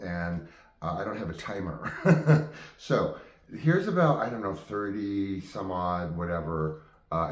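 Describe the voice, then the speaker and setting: The low-pitched host of his own game show rambles through spontaneous stories for viewers, frequently interrupting himself and restarting. The sound is roomy.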